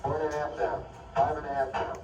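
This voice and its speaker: A man's voice: mid-range voice, fairly quick, recorded from a distance. A man making clipped technical callouts over an archival space radio transmission. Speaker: spaceflight crew and mission radio operator. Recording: archival space radio, muffled, echoey, noisy.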